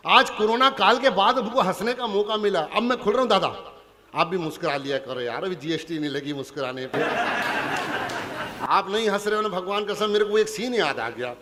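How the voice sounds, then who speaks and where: High, bright-voiced stage comic poet. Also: male voice, normal speed, long reverb tail, a little hiss or hum. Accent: Punjabi. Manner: chatty, teasing the audience. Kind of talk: stand-up comic poetry recital. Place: large hall before a live audience.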